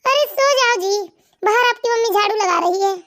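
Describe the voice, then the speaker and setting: A woman as a young cartoon daughter-in-law with a very high, quick voice, blunt and defiant, talking back in her family story. She sounds like a patient wife who has run out of patience. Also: bright, forceful tone, slight background noise. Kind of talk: animated moral story voice acting.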